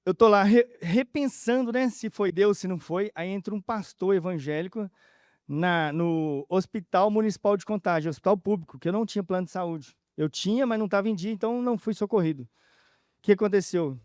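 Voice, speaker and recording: Man, high voice, dry close sound, emotional testimony full of quoted dialogue. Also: a little mellow, clear, resonant tone, no room sound. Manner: storytelling with many reported dialogues; emotional, halting. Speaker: conference speaker. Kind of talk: personal testimony talk.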